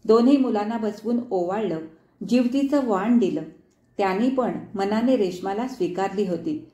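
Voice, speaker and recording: A woman's voice: mid-range voice, normal speed, dark tone. Woman reading a story in an echoey room. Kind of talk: read storybook narration. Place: studio.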